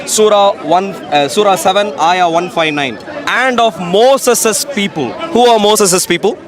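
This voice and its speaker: A high-pitched man preaching in the street, with a busy crowd around him outdoors. He debates scripture insistently, repeating phrases and pressing on through interruptions. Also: unhurried. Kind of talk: public debate, reciting and arguing over scripture. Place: outdoors in a busy urban public spot.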